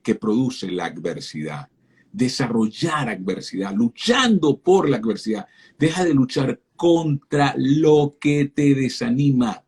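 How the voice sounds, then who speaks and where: A man's voice: mid-range voice, animated, unhurried, a little mellow, slightly rough. A man giving a fervent sermon-style talk as a guest speaker on a live stream, speaking directly to his listeners and often repeating words as he starts a phrase.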